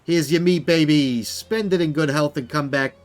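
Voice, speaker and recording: A man voicing a brash, fast-talking male hat photographer who flatters everyone and calls them baby, in a video game. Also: on the high side, faint music behind, pitched above the performer's own voice, lightly acted. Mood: pushy flattering.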